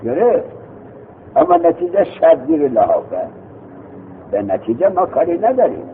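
A man's voice: on the high side, wildly swooping pitch, slight background noise. A man teaching a seminary grammar lesson, quizzing his students and repeating their answers back to them. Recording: tinny phone-like lo-fi recording.

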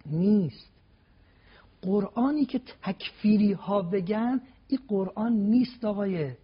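On a TV program, a religious guest speaker walks through his points one at a time and punctuates them with emphatic rhetorical questions. He has a high, slightly rough voice, carried by dull lo-fi broadcast sound.

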